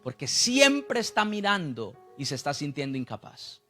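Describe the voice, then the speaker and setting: A man's voice: a little high, very animated, moderate pace, bright, forceful tone, soft background music. A man, preaching a sermon as a pastor, who acts out the people he quotes.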